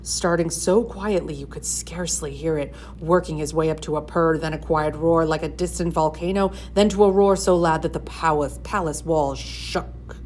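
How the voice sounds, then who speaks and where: Reading a storybook aloud, a woman speaks expressively at a moderate pace in a voice on the lower side. Faint room noise is audible in the recording.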